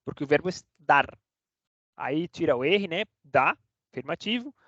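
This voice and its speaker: A man's voice: fairly high pitch, expressive, moderate pace, fairly bright tone, no room sound. A man teaching a casual online lesson, chatty, checking in with the class every few words. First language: Portuguese. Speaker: Spanish teacher. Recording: dry, dull lo-fi sound.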